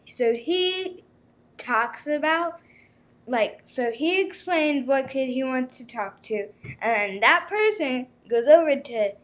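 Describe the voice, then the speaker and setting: A woman's voice: a little high, fairly bright tone. A woman co-hosting a casual travel chat, talking loosely with lots of filler words like "like" and "literally". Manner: casual, uses "like" and "literally" a lot. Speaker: co-host.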